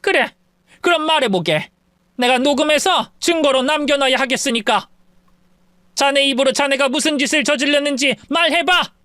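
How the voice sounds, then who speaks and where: A furious middle-aged mother-in-law, played by a man, scolds in a high, cutting voice. She speaks in sharp demands, recorded dry and close. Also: animated, fast talker, smooth, dry recording. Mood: furious scolding.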